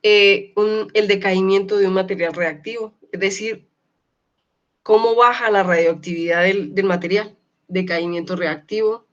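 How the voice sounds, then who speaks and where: A woman teaching a university class over a video call. She repeats key terms slowly and keeps asking her students if they follow. The audio is slightly dull and muffled. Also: mid-range voice, fairly even intonation. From Colombia. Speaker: university lecturer. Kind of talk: online class lecture.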